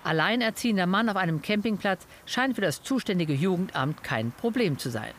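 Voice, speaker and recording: A man reading a scripted news voice-over in a sober, measured way. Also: high-pitched, expressive, fairly bright tone, a little hiss or hum. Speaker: news narrator.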